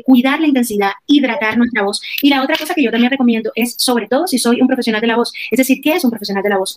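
Brisk woman vocal coach. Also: a little high, dry recording. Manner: warm, animated teacher explaining with examples. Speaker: vocal coach, podcast guest. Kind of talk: explanatory interview answers.

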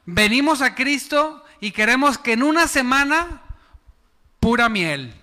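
A man's voice: extremely high pitch, sing-song, unhurried, bright, forceful tone, in a large hall. A man preaching a sermon as pastor, chatty and often asking the congregation questions. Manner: conversational, asks the congregation questions. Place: church.

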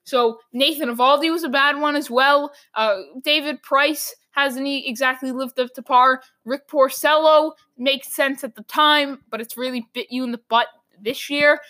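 Woman, sports podcast host, hoarse voice, opinionated rant, slightly high pitch. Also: fairly even intonation, moderate pace, pushed and bright. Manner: opinionated ranting, frustrated. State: hoarse, losing her voice. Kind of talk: solo sports talk podcast.

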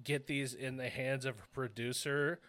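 A man's voice: mid-range voice, steady tone, moderate pace, a bit bright. A man hosting a podcast in a casual, chatty style. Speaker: podcast host.

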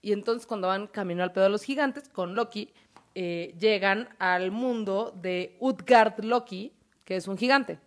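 A woman with a Mexican accent retelling a myth in a casual chat, animated and full of slang and swearing. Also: mid-range voice, unhurried.

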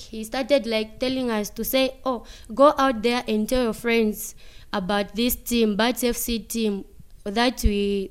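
Slow-spoken young Zambian woman. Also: fairly high pitch, smooth. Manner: mixes English with local words, halting with many fillers. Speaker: interviewee, football player. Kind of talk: casual interview answers.

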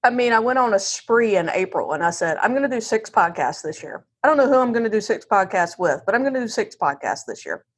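A Southern US woman, a divorce lawyer appearing as a podcast guest, talks fast and animatedly in a mid-range, slightly rough voice with barely any pauses. In this casual conversational interview she's candid and pokes fun at herself, often acting out quotes from herself and others.

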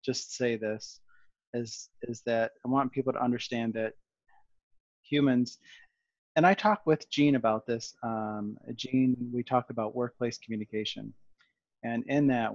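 A man hosts a podcast in a casual, playful way and restarts his sentences often. His pitch is ordinary. The recording is a little dull and dry. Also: steady tone, measured pace, no room sound. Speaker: podcast host.

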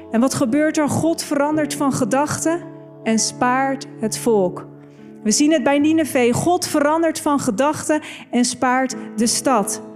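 Slow, deliberate woman preaching a sermon. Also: high-pitched, darkish tone. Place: church stage.

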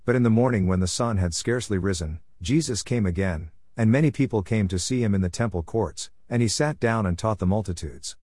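A man with a fairly low voice narrates a religious text in a measured, even reading. The sound is dry and close to the mic, with no room around it. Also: no room sound. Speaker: audiobook narrator.

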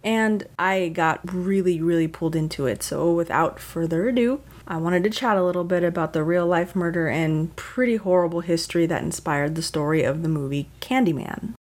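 A woman narrating a true crime podcast episode in a relaxed, conversational way. Her voice sits a little low, and she keeps a slightly wry, casual tone as she walks through the story. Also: normal speed, hardly any pauses. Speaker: podcast host.

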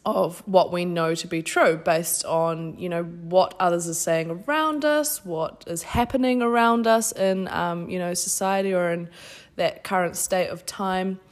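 A woman's voice: fairly low pitch, fairly even intonation, measured pace. A woman with a New Zealand accent hosting a podcast, giving an informal, effusive spiritual self-help talk. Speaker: podcast host.

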